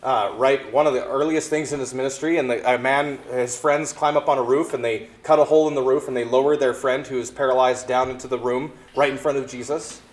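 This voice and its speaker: A man preaching a sermon, reading scripture and then explaining it with lively acted-out exchanges. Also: mid-range voice, a little fast, few pauses. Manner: animated preaching, acts out exchanges in quoted voices. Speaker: pastor.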